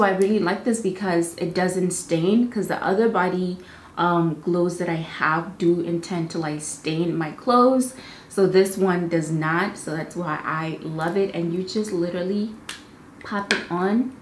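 A woman's voice: on the low side, slight background noise. A young woman beauty vlogger chatting casually to camera about products in her home studio. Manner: bubbly, chatty, fast asides. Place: home filming studio, indoors. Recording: roomy studio with faint ambience.

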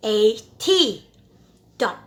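Woman teacher, drilling English words with slow stretched repetition, calls students children. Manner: addresses students fondly as children. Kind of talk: bilingual classroom lesson.

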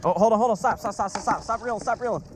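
A high-voiced father out fishing with his young sons on a small boat coaches them excitedly through catching fish. He gives rapid instructions and repeats himself while filming. An action camera on the boat picks up wind and boat noise on the open water.

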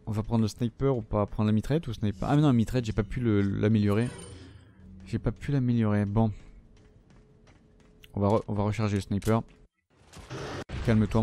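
A man's voice: lowish voice, mellow, a little hiss or hum. French man muttering over a game. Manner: talks to the game enemy, swears a lot, mutters to himself. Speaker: gaming video host. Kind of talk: let's play commentary.

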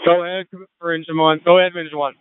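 Urgent fire commander on tinny two-way radio. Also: male voice, a little high, level tone. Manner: brisk procedural orders. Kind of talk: urgent firefighter radio traffic.

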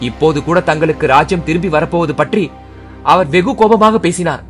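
A man's voice: on the high side, fairly quick, faint music behind, close to an everyday voice. A man voicing a young princess, fearful and tearful, speaking in a sorrowful pleading way in an audiobook.

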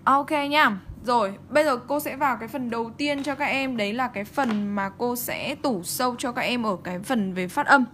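A woman teaching an online English exam-prep lesson, speaking briskly and checking in with her students again and again. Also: fairly high pitch, a bit bright, slight background noise. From Vietnam.

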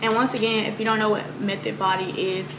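Fairly quick and medium-pitched with little pitch movement, this woman in her twenties chats casually with viewers in her vlog. She films indoors, both in a parked car and at home in a room, with the camera propped close or at arm's length and noisy ambient audio.

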